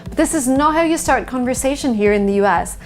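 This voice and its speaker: A woman in her late twenties, born in Russia and speaking English as a second language, hosts a casual lesson. She talks in a slightly high voice, telling little stories with plenty of fillers. Faint music plays behind her. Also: expressive, fast. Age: 20s. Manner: chatty, storytelling with many uh fillers. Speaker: English teacher.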